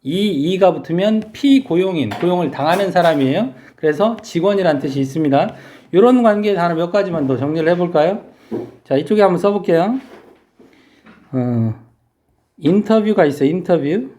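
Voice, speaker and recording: A man's voice: high voice, lively intonation, moderate pace, warm tone, a little hiss or hum. A man teaching English vocabulary in a lecture, explaining step by step and asking his students questions.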